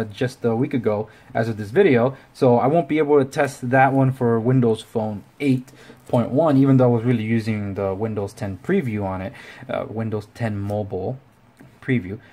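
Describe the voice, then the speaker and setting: A man hosts a casual tech review, talking to camera in an informal, rambling style and correcting himself in asides. His mid-range voice is a little mellow, and he keeps a moderate pace.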